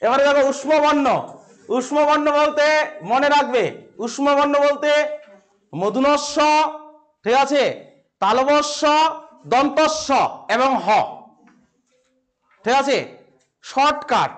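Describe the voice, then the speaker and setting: A man with a West Bengal accent teaching a classroom grammar lesson, asking questions and answering them himself, stressing key words slowly and repeating them. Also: extremely high pitch, fairly bright tone.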